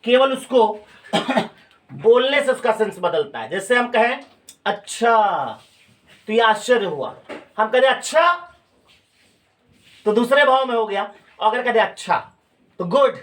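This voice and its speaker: A man's voice: very high voice, animated, normal speed. A male teacher giving a grammar lecture, explaining step by step and asking students questions. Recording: voice from a distance off the mic.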